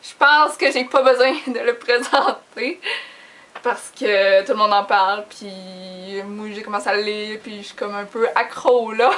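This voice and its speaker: This book vlogger, a young woman with a Quebec French accent, talks casually to camera at a measured pace. Her mid-range voice has a fairly bright tone, and she giggles and jokes at her own expense.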